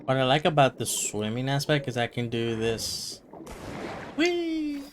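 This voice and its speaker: A man's voice: medium pitch, normal speed, slight background noise. A man casually commentating on a game as he plays, with short, playful, offhand reactions. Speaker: game streamer. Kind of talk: casual live gameplay commentary. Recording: game music behind the voice.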